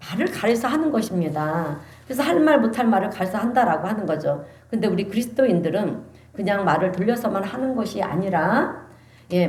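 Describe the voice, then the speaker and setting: A woman pastor preaching a sermon, animated and calling the congregation to answer amen. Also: mid-range voice. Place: church sanctuary. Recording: echoey church sanctuary.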